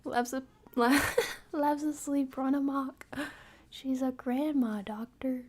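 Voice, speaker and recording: A woman streamer chats with her live viewers in a high, steady voice, offering casual, playful commentary. She leans on internet slang and draws out her words in a slangy, teasing delivery.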